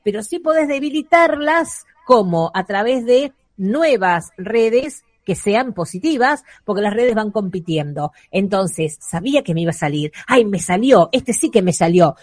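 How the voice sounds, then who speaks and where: A woman's voice: mid-range voice, dry recording, studio quality. A woman with an Argentine Spanish accent, explaining on a radio show how thoughts shape children's emotions, acting out little voices in her examples. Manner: uses voiced examples and asides. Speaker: guest speaker on parenting and emotions.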